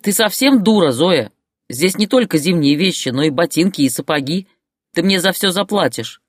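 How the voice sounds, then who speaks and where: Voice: medium pitch, moderate pace, dry recording, clean studio sound, close to an everyday voice. A storyteller voicing a furious bullying husband who roars and barks insults, in an audiobook character voice. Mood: shouting. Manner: roaring, barking, insulting.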